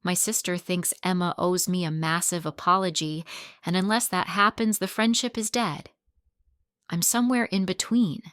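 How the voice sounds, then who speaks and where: A woman narrates a first-person story with plain, steady delivery. Her voice sits a little low and comes through smooth and clear. The recording is close and dry, with no room sound. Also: moderate pace, no echo.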